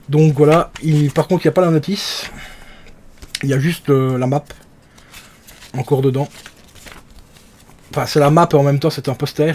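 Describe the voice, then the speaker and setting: Young guy casually rambling about his game collection, mid pitch, bit of hiss and clicks behind. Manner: relaxed, rambling with many fillers. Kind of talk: casual chat.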